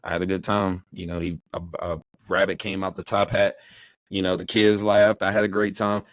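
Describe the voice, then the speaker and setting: A man with a somewhat low voice talks casually in a podcast chat. He rambles and gets animated, acting out little quotes as he goes. The sound is dry and close. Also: moderate pace, no echo. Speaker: podcast co-host.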